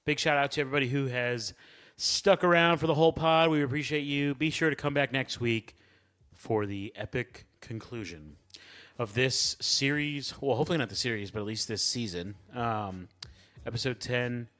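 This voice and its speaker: A man hosting a casual podcast, tired and yawning as he wraps up the show with a relaxed, friendly sign-off. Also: medium pitch, normal speed. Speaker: podcast host.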